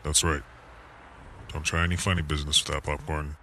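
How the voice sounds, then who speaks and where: An extremely low, bright-edged voice of a male actor as a menacing gunman in an audio drama. He is controlled and commanding, giving orders with measured threat. Faint noise sits behind him. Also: little pitch movement. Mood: calm menace.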